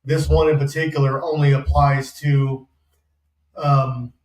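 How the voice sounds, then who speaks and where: A man co-hosting a show, explaining things casually in a halting, careful way. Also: mid-range voice, level tone, darkish tone. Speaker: show co-host. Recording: echoey room.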